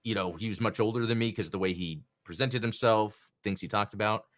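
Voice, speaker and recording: This podcast host's voice is on the low side and fairly bright, and he speaks briskly. Running a casual live-stream chat show, he rambles through his thoughts and greets chat viewers by name.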